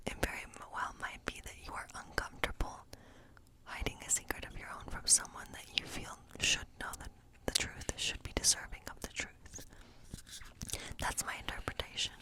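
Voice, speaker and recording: Over poor audio, a woman whispers breathily and unvoiced, playing out an ASMR fantasy scene. Her tarot reading unfolds gently and unhurriedly, short phrases punctuated by pauses.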